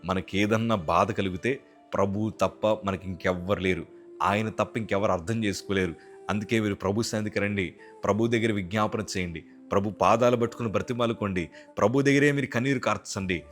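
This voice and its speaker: A man's voice: lowish voice, brisk, faint music behind. A male pastor giving an earnest, pleading devotional sermon.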